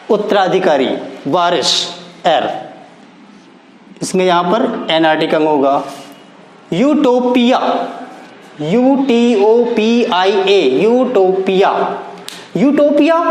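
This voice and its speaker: High-voiced teacher spelling words slowly. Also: male voice, reverberant, poor audio. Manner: spells words out letter by letter, slow and deliberate. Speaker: English grammar teacher. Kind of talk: classroom-style grammar lesson.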